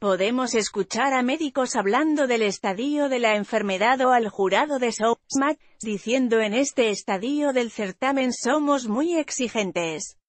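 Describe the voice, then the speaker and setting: A woman reading a news article aloud in an even, measured way, as a news voice-over. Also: fairly high pitch, no room sound. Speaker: news reader.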